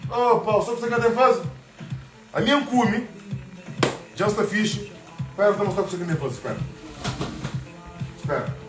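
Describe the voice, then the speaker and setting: A man's voice: high-pitched, fairly quick, long pauses. Boastful man livestreaming from home. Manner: boastful, switches between Portuguese and French. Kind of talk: casual live stream chatter. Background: faint music.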